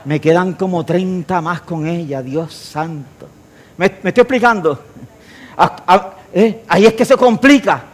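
Middle-aged male preacher, high voice, playful with his flock, swings between loud and hushed. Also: unhurried. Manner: jokes with the congregation, shifts between loud and quiet. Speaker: pastor. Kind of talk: sermon.

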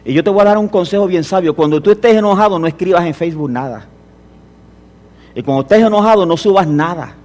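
Male preacher, high-pitched, impassioned sermon delivery, builds to emphatic peaks. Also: quick pace, darkish tone. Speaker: pastor.

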